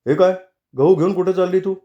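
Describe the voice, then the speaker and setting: A man's voice: high-pitched, fairly even intonation, brisk, muffled recording, voice pushed up, natural voice. A man voicing an angry adult son who snaps at his wife in a storybook reading. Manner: heated, raised voice.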